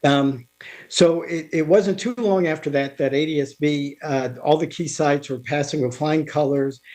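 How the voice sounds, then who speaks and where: A man giving an informal technical talk over a remote call, halting, with many restarts and fillers. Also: fairly high pitch, a little mellow. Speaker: guest speaker on aviation technology. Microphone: remote video call.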